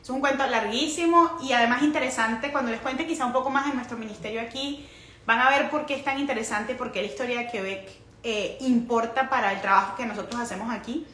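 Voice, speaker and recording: A woman's voice: fairly high pitch, brisk, fairly bright tone. A young Venezuelan woman with a Venezuelan accent talking casually in a vlog, chatty and rambling, often correcting herself mid-sentence. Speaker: missionary vlogger. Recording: roomy echo, faint noise.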